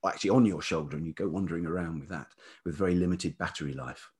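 A writer and producer in his fifties reflects on his life as an interview guest, speaking hesitantly and thoughtfully in a velvety voice. His voice sits low and has a darkish, husky tone, and his pace is quick. The talk is a reflective autobiographical interview chat.

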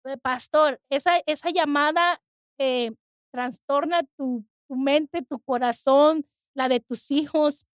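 Brief: earnest woman guest, high voice, halting testimony, dry close sound. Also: no room sound. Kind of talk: emotional personal testimony.

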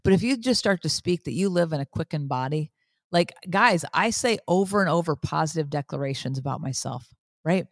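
Woman, 50s, podcast host; earnest faith pep talk, repetitive, pitch leaps on emphasis, dry close recording. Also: expressive, a little fast, no echo. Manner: earnest, preachy, repeats phrases, swings up in pitch when emphatic.

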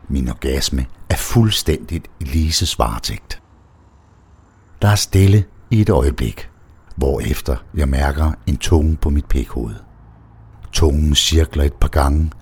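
A man calmly reading a first-person erotic audio story in a measured way. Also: extremely low pitch, breathy edge. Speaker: narrator.

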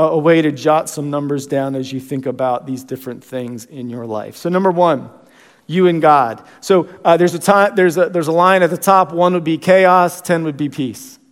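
Earnest pastor preaching in a reverberant church. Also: male voice, fairly high pitch. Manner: earnest, conversational with frequent restarts. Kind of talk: sermon. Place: church sanctuary.

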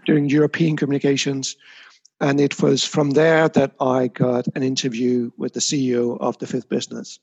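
A man's voice: mid-range voice, level tone, moderate pace, creaky, darkish tone, husky, muffled recording. A man as an interview guest, talking reflectively about his career with frequent small restarts. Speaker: guest, communications consultant. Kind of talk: casual interview.

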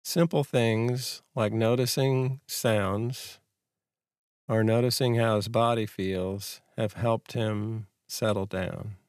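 A man giving a reflective guided mindfulness talk in a measured, unhurried way, with pauses between short phrases. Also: lowish voice, fairly even intonation, a little mellow, dry recording, studio quality. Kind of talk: slow guided meditation, reflective talk on anxiety.

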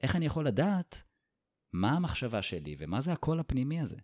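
A man's voice: mid-range voice, big pitch swings, darkish tone, no echo, clean studio sound. A male podcast host telling a personal story in casual conversation, searching for words and repeating himself as he goes.

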